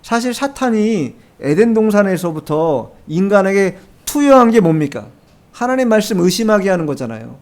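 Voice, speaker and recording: A man's voice: sits high, big pitch swings, moderate pace, a little mellow. A male pastor preaching a Sunday sermon in church, emphatic, posing rhetorical questions to the congregation and repeating key phrases. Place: church sanctuary.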